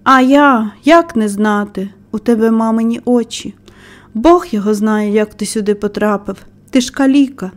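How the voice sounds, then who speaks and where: A woman voicing a blunt, gruff old male gardener with a husky voice in a storybook reading. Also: on the high side, moderate pace, close to an everyday voice. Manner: blunt, outspoken.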